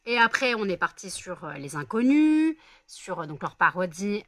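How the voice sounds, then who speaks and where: A woman's voice: medium pitch, sing-song, moderate pace. A woman chatting casually in a home vlog, rambling with many fillers and self-corrections. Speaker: vlogger. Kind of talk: casual daily vlog chat.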